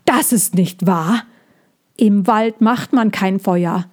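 A woman reading a storybook and voicing an earnest young male dragon who is quick to feel wronged. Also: mid-range voice, expressive, mellow. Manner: earnest, indignant.

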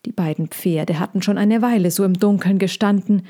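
A woman reads a children's storybook aloud. Her reading is calm and measured, and her voice sits at an ordinary middle pitch. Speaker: narrator.

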